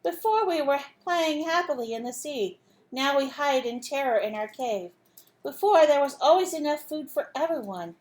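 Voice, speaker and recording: A woman's voice: high voice, lively intonation, moderate pace, darkish tone, pitched above the performer's own voice. A woman voicing an earnest male fish in a storybook, a pleading peacemaker. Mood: resolute.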